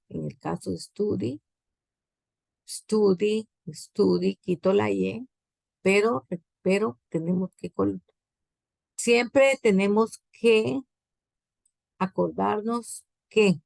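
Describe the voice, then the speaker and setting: A woman with a Guatemalan accent teaches an English grammar lesson at an unhurried, deliberate pace. Her voice carries a heavy gravelly fry, and it sounds close and dry with no room around it. She repeats each example word and its translation patiently. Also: mid-range voice, darkish tone, no room sound. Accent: Guatemalan Spanish.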